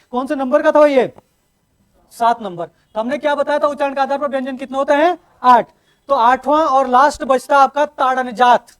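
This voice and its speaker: A man teaching a Hindi grammar lesson at a coaching class, asking the class questions, answering them himself and repeating sounds slowly for emphasis. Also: very high voice. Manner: drawn-out emphatic repetition of sounds.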